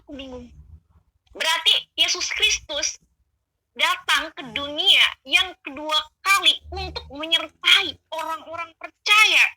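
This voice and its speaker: A woman's voice: very high-pitched, takes it slowly, sharp tone, rough recording. A woman giving an earnest, emotional spoken testimony of her conversion, addressing listeners as friends.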